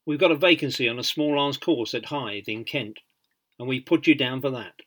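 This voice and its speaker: A man voicing a male army sergeant major who gives brisk, confidential advice. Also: mid-range voice, a bit bright, natural voice. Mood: confiding.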